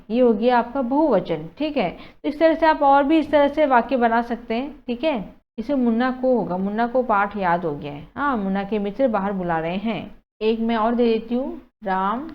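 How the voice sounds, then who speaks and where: A woman teacher, explaining a lesson in a chatty way, often checking "okay" with students and mixing in English words. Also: fairly high pitch. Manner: chatty, mixes in English words, frequent "theek hai" checks. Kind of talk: casual classroom explanation. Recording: dull lo-fi sound.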